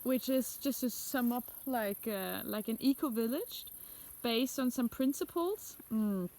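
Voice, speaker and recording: A woman's voice: on the high side, unhurried, darkish tone. A young woman from Germany, a native German speaker, hesitantly giving a casual outdoor tour with many fillers. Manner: hesitant, searching for words, frequent fillers. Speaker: architect giving a house tour. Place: outdoors in the countryside.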